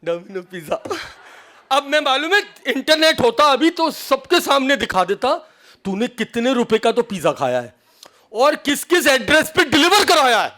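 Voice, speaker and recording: A man giving a lively seminar lecture on cyber safety to a live audience, mixing Hindi and English and acting out phone calls as he teases the listeners. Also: very high voice, normal speed. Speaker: seminar speaker on cyber crime.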